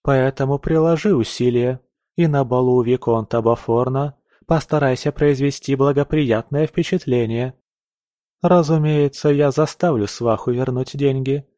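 A man's voice: medium pitch, a little slow, mellow, no room sound, studio quality, close to an everyday voice. A man reading an audiobook voices a strict aristocratic mother, a countess who lectures her daughter sternly and complains. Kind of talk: audiobook character voice.

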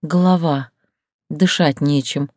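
A woman reading an audiobook, voicing a frightened young heroine in a high, tearful, pleading voice. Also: animated, slow, a little mellow, dry recording, clean studio sound.

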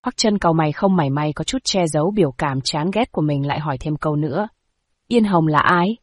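A woman narrates a historical story aloud in a steady, even manner. Her voice sits low for a woman, and the recording is close and dry, with no room sound. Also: fast, no room sound. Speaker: audiobook narrator.

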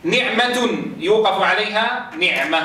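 A man's voice: sits high, moderate pace, sharp tone. A man teaching Quran recitation rules to a class, quizzing his students and chanting verse examples. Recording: roomy echo, distant mic.

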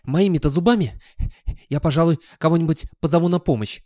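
A hoarse, grumbling old mongrel, as a male reader puts him on, pitched well above the reader's own voice and said with bite. He sounds sour and world-weary, in a dry, close audiobook recording. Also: a little fast, mellow, dry recording, natural voice. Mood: sly. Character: grumpy scruffy old male talking dog.

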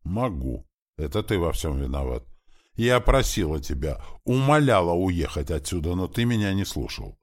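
Male narrator voicing a grief-stricken young woman, tearful pleading, low husky timbre. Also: big pitch swings, moderate pace. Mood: grieving. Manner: pleading through tears. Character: grieving young mother, worn out and bitter.

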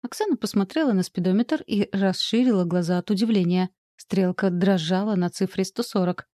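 A woman narrating an audiobook in an even, unhurried reading voice. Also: mid-range voice, no room sound, clean studio sound. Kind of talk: scripted narration.

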